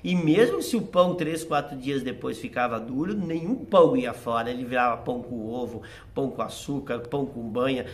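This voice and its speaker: Talking at a moderate pace with barely a pause, this middle-aged man has a medium-pitched voice. His southern Brazilian accent is Rio Grande do Sul Portuguese with a German-settler lilt. As a guest theater writer and actor in a casual interview, he recalls the past reflectively and leans on "né" a lot.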